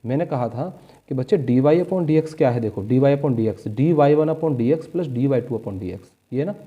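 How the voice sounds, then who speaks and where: Man, maths tutor, very mellow dark voice, rhetorical questions, patient walkthrough. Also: medium pitch, lo-fi sound. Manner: step-by-step, asks and answers his own questions; calls students "बच्चे" and "भाई". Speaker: maths teacher. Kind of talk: board-exam maths lesson.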